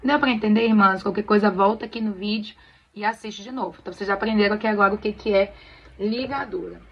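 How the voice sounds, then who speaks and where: A Brazilian woman gently teaching church choir singers to read sheet music, often checking they follow along. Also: mid-range voice, quick pace, slightly rough, lo-fi sound. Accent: Brazilian Portuguese. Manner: friendly, explains patiently with many "tá bom?" checks. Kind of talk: casual tutorial on reading sheet music.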